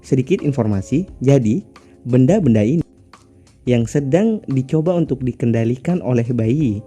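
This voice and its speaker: A man's voice: mid-range voice, animated, moderate pace, dark tone, slightly rough, soft background music. A man narrating a comic story recap casually, with explanatory asides to listeners.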